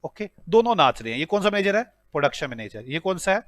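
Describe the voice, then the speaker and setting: A man's voice: a little high, big pitch swings, quick pace, fairly bright tone. A man teaching an accounting exam class. He teases his students with rhetorical questions and scolds them playfully. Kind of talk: classroom lecture.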